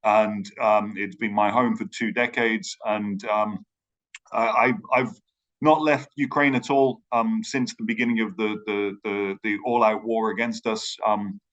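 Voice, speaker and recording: A man's voice: on the low side, steady tone, measured pace, fairly bright tone, dull audio. A man from Ireland with a British accent, giving a remote conference talk, hesitant with many fillers and restarts. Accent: British English. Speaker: conference speaker. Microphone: video call.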